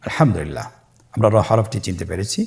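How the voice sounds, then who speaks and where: A man's voice: low voice, vocal fry. Patient man teaching letter sounds. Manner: drawn-out letter sounds, asks listeners to repeat after him; calm, patient, with frequent pious interjections. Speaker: Quran reading teacher. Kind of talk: step-by-step recorded lesson.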